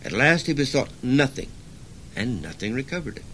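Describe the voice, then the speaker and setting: Calm wise old sage, read by an older man, gentle and instructive, storybook reading. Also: medium pitch, normal speed, a little hiss or hum, poor audio.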